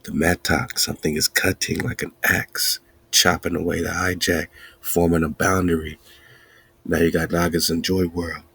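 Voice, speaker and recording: This podcast host has a low, husky male voice with vocal fry, a sharp edge, and a level tone at a moderate pace. He delivers a preachy spiritual teaching talk, repeating and chanting lists and laughing between points.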